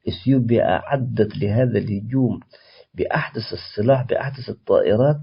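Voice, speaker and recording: A man speaking as a political guest in a radio interview, impassioned and halting, with frequent restarts and fillers. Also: on the low side, vocal fry, breathy edge, highs cut off.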